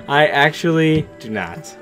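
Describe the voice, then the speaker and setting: A man's voice: fairly high pitch, big pitch swings, slow pace, fairly bright tone, faint music behind. A young man joking and laughing as he chats over a video game, often mocking himself. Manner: giggly, self-mocking. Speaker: let's play commentator. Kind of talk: casual joking chat over gameplay.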